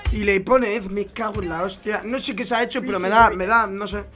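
Excitable Spanish gamer with wild outbursts. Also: male voice, high-pitched, fairly quick, music in the background. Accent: Spain Spanish. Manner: swings from mumbled asides to shouting outbursts, profane. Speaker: gaming YouTuber reacting to gameplay. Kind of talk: excited game commentary.

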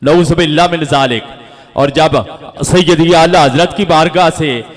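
A man from Pakistan preaching a sermon to a gathering, with slow, emphatic, drawn-out phrasing and rising exclamations. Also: on the high side. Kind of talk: impassioned sermon. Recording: long hall reverb.

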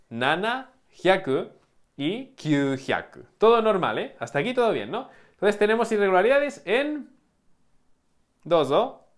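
A man teaches an online language lesson, stretching out each word in slow, deliberate drills. His pitch swings widely and sits a little high for a man. He breaks the drills with playful asides. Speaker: Japanese teacher.

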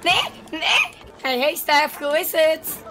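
A high-pitched young woman banters through a video game. She is playful and exclamatory, repeating short phrases, with clear game music behind her voice. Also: animated, takes it slowly, sharp tone. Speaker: co-op gaming partner. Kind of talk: casual gameplay banter.

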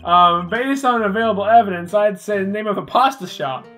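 A woman's voice: medium pitch, brisk, fairly bright tone, faint music behind. A woman co-hosting a game play-through in casual chat, easygoing, often answering in short agreeing words. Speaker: let's play co-host.

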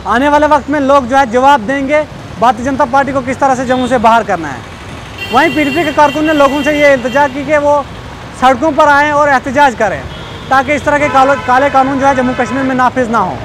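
A young man reporting to camera with a handheld mic at a roadside, in steady, formal news delivery. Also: extremely high pitch, rough recording. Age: young adult. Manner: steady formal reporting with Urdu-heavy wording. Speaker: field reporter. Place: roadside outdoors by traffic. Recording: faint traffic noise outdoors. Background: faint street traffic.

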